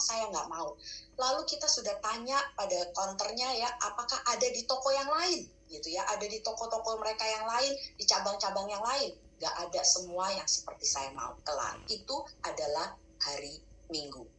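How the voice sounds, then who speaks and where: An older woman telling a personal faith story, lively and excited in places and hushed in others. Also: medium pitch, reverberant, low-quality recording. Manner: animated, gets excited and fast when retelling, quiet and hushed at reflective moments. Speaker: speaker sharing a testimony.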